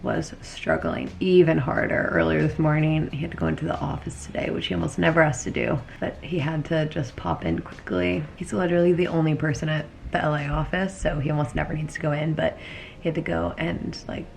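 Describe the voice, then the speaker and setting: A young woman chatting casually to viewers in a home vlog, sounding hungover, tired and low on energy, with a gravelly creak in her voice. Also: a little fast, a little mellow, slight background noise. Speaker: vlogger. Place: at home indoors.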